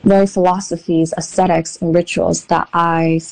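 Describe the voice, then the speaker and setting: A young woman with an American accent answering interview questions thoughtfully, pausing often with ums. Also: lowish voice, flat delivery, gravelly, darkish tone, rough recording. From United States. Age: young adult. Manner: thoughtful, hesitant with frequent ums. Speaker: guest, painter and writer.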